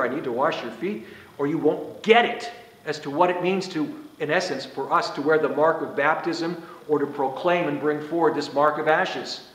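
Older male priest preaching in an echoey church. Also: on the high side. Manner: animated gestures, rising and falling emphasis. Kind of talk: sermon. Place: small church sanctuary, indoors. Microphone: far camera.

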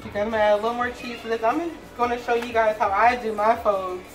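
A woman's voice: fairly high pitch, fairly even intonation, fast, dull audio, faint music behind. A woman explaining a recipe to her viewers in a home kitchen, chatty and casual. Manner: chatty, explaining, addresses viewers as you guys. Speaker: vlog host. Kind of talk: casual cooking demonstration.

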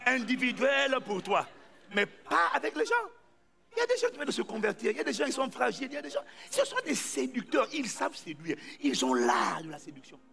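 A man preaching a sermon to a congregation, calling out to them and shouting his points for emphasis. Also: very high-pitched, wildly swooping pitch, fairly quick, vocal fry.

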